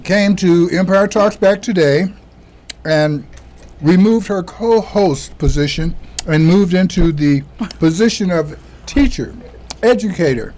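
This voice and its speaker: A man's voice: high voice, lively intonation, unhurried, darkish tone. A man hosting a talk show in a TV studio, chatting casually while eating, his mouth half full.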